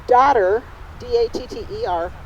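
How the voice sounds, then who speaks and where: A woman's voice: medium pitch, expressive, moderate pace, a little mellow, muffled recording, natural voice. A woman re-enactor plays a bold, independent Norwegian immigrant woman who speaks directly to a live audience in a friendly, storytelling way. She performs in first person, out of doors. Faint traffic noise hums behind her mid-range voice. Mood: chatty. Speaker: costumed re-enactor. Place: outdoors at a cemetery.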